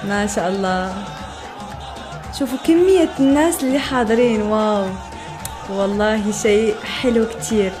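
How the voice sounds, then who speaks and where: A woman's voice: medium pitch, normal speed, music in the background, a crowd in the background. A young woman from Morocco giving casual reaction commentary, chatty, often laughing and exclaiming in wonder. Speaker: reaction video host.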